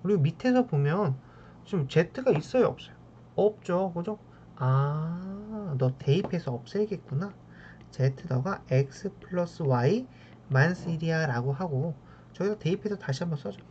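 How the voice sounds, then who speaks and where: Woman math teacher, low voice, keeps checking in with students, dull lo-fi recording with faint ambient noise. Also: expressive, measured pace, mellow. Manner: keeps checking in with a tag question after each step; talks to the math terms as if addressing them. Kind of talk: lecture working through problems.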